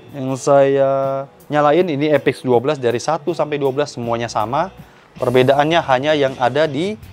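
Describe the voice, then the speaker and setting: A man giving an enthusiastic, explanatory product review as a shop owner, talking to viewers. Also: medium pitch.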